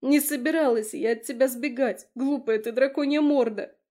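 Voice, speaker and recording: A woman reading the part of a frightened young heroine in an audiobook, with high, tearful, exasperated outbursts. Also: moderate pace, darkish tone, close to an everyday voice. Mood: indignant.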